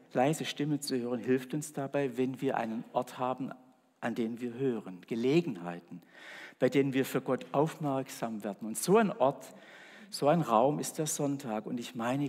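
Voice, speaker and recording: A man preaching a sermon, moving between raised calls and hushed whispers. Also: mid-range voice, slightly rough. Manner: dramatic, shifts between loud calls and soft whispers. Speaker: pastor. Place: church. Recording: long church reverb.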